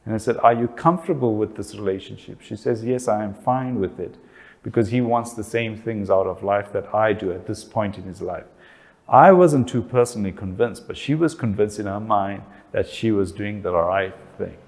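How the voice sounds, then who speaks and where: A man's voice: lowish voice, normal speed. South African man lecturing in a hall. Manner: animated, asks himself questions and answers them. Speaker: speaker. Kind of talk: talk on family relationships. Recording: long reverb of a hall.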